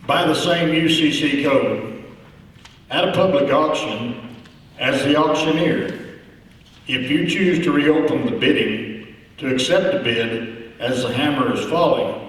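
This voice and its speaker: A man's voice: mid-range voice, fairly bright tone. A man formally reads out prepared questions as a contest judge. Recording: echoey hall, distant, background noise.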